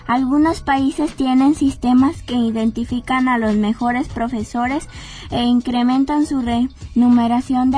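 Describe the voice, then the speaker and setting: A woman reporter reading a scripted news report in a steady delivery. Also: high voice. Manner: steady, read-aloud delivery.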